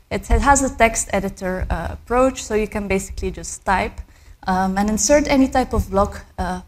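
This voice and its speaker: A woman in her thirties from Belgium presents her startup to a live audience, pausing often on filler words. She has a cold, and her pitch sits in the middle of the range. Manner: hesitant, many fillers. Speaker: startup co-founder giving a talk. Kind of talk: conference presentation.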